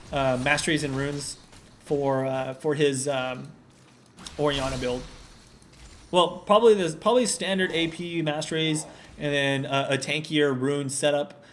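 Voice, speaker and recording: Man casting a video game, higher voice. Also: a little hiss or hum. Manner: relaxed analytical play-by-play with frequent fillers. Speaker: esports commentator. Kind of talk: solo game commentary.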